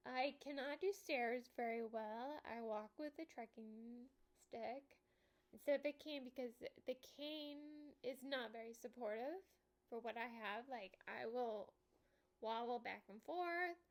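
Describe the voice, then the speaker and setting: A middle-aged woman talking casually and candidly, with slurred, halting speech that sounds a little stoned and a wry streak. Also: on the high side. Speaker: vlogger sharing a personal health update. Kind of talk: casual personal talk to camera.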